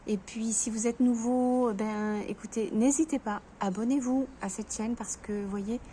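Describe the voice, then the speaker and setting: A woman in a personal vlog, talking to viewers in a halting way, stammering and restarting her sentences. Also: a little high, steady tone, dark tone, a little hiss or hum. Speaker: vlogger.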